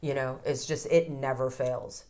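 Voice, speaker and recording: A woman's voice: very deep voice, measured pace. A woman in her thirties, a codependency counselor, talking candidly as an interview guest and swearing now and then. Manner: candid, animated, swears freely. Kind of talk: casual interview talk.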